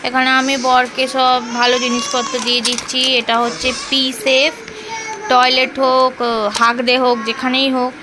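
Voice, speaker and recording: A woman's voice: high-pitched, completely flat delivery, moderate pace. A young woman, chatting casually through a family vlog as she walks through what she is cooking. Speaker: family vlogger. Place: home kitchen. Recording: loud frying noise behind. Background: sizzling pans and stirring.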